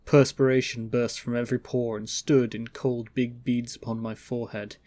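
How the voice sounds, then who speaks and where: A man's voice: medium pitch, little pitch movement, moderate pace, dark tone, dry recording. A man narrates gothic horror in a theatrical, stagey manner. His mid-range voice swells on key words and stretches out phrases for dramatic weight. The sound is very dry, with no room around it.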